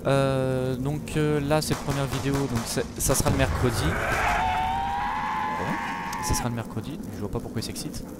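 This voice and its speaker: A young man in his late teens from France talks casually about his gaming channel. He hesitates often and corrects himself. His voice sits at an ordinary middle pitch, and loud gunfire from the game nearly buries it. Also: fairly even intonation, moderate pace, heavy background noise. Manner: hesitant, many fillers and self-corrections. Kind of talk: casual gaming vlog talk. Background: zombie shooter game sounds.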